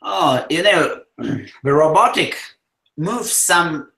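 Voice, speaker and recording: A man's voice: on the high side, expressive, slow pace, gravelly, pushed and bright. A man with a Polish accent answering as a neurosurgeon in an interview, searching for words and repeating phrases. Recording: roomy, echoey sound.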